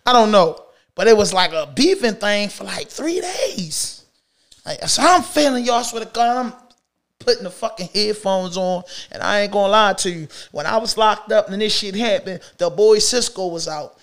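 A middle-aged man telling a story from his own past in a casual storytime, slangy and animated, swinging between loud bursts and low mutters. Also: moderate pace.

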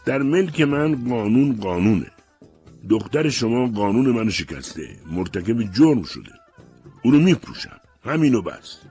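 A man's voice: medium pitch, big pitch swings, faint music behind, voice pushed up. A man doing a stern, commanding plantation master. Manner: firm, commanding, unyielding. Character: stern male slave-owning plantation master.

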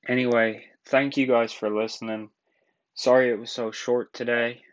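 A man's voice: medium pitch, level tone, normal speed, highs cut off. A man in his twenties with an Irish accent, hosting a solo podcast in a rambling, casual way with frequent laughs. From Ireland. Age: 20s. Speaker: podcast host.

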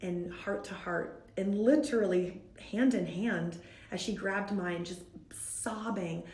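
A woman guest in a conversation, telling a story in an animated, self-mocking way and laughing often. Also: mid-range voice, takes it slowly, echoey room. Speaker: guest speaker from a women's ministry.

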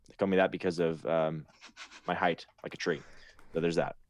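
A man's voice: sits low, flat delivery, moderate pace, dry recording. A young man chatting as a guest on a podcast, laid-back and easygoing. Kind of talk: casual chat over a video call.

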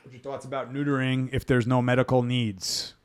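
A man's voice: mid-range voice, little pitch movement, fairly quick, clean tone. A man hosting a live dog-training Q&A podcast, talking frankly in a rambling, self-interrupting way. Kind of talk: casual live Q&A chat.

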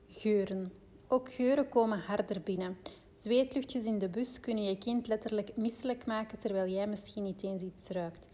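Flemish mom reading a parenting book out loud, mellow voice, drifts into rambly side comments with lots of ehms. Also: female voice, mid-range voice, normal speed. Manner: reads steadily, then rambles with fillers in her own asides. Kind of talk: book reading with personal asides.

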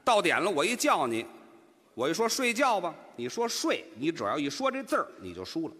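A man as the straight man in live crosstalk comedy on a theater stage, firing quick retorts and arguing back. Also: on the high side, wildly swooping pitch, a bit bright, breathy edge. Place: theater stage before a large audience. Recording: reverberant theater hall.

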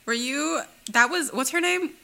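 A woman's voice: high voice, moderate pace, creaky, pushed and bright. A young woman co-hosting a casual podcast chat, talking in a chatty way with many fillers and frequent laughs. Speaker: podcast co-host.

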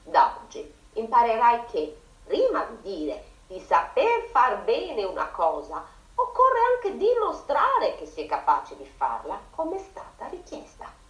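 A woman voicing a kind, sensible young farm woman, speaking calmly and gently scolding. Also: a little high, a little slow, roomy sound, rough recording. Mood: reproachful. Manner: gently scolding, calm instructions.

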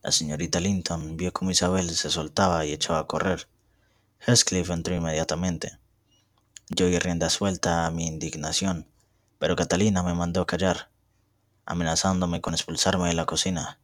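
A young man, a student, reading a novel aloud in a steady, measured way. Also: low voice, no echo, clean studio sound. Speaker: student narrator.

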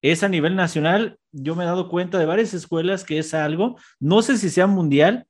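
A man's voice: sits high, moderate pace. A man, a schoolteacher hosting a live stream, chatting casually and reading out viewers' greetings. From Mexico. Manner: friendly, reads out viewer greetings. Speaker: teacher at a school.

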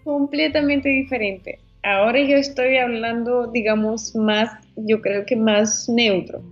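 A woman chatting casually about Spanish accents, lively and playful, laughing often. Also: a little high, a little slow, lo-fi sound, soft background music.

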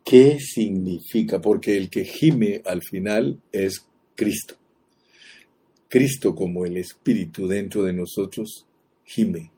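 A man preaching a sermon slowly and deliberately, asking his congregation questions as he explains a passage. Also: low voice, warm tone, slightly rough.

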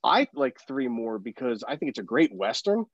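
A man's voice: mid-range voice, sing-song, moderate pace, no room sound. Male podcast co-host, rambling casual film talk, dull lo-fi dry mic. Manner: rambling, many restarts and fillers.

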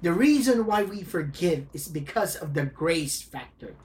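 A woman pastor delivering a sermon, speaking deliberately and repeating key phrases for emphasis. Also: on the low side, expressive, a little mellow.

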